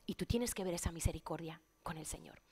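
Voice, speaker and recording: A middle-aged woman from Spain preaching a sermon in a church, passionate, moving between loud exclamations and hushed, near-whispered lines. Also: fairly low pitch, fast talker, breathy edge.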